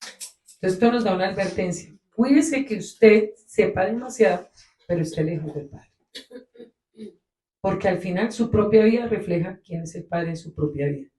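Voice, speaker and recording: A woman preaching a sermon to her congregation. She talks with emphasis, swelling and dropping her loudness to stress her points. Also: medium pitch, moderate pace. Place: congregation meeting room. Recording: echoey room.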